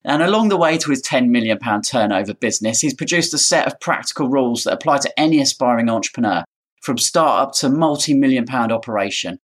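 A man's voice: mid-range voice, animated, fast talker. A man hosting a podcast, introducing and interviewing a guest. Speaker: podcast host.

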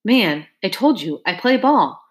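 A woman's voice: mid-range voice, sing-song, measured pace. A woman voicing a guarded, defiant teenage boy in an audiobook, answering curtly and defensively. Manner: curt, defensive, street-talking. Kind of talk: audiobook character voice.

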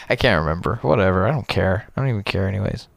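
A chatty, playful man co-hosting a podcast, his voice sitting a little low. The sound is close and dry, with no room around it. He rambles cheerfully and drops into goofy noises. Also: fast, vocal fry, no echo. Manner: playful, talkative, breaks into silly sounds. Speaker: podcast co-host. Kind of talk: casual chat.

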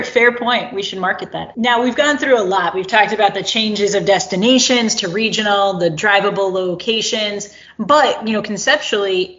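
A woman's voice: mid-range voice, fairly bright tone, lo-fi sound. A woman hosting a casual interview, curious and thinking aloud as she asks questions. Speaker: podcast host.

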